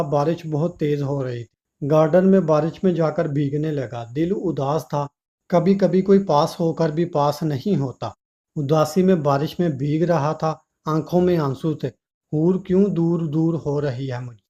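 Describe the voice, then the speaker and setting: A male storyteller reading a dramatic story aloud in a steady, measured way, in a dull lo-fi recording. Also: fairly high pitch. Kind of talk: scripted story narration.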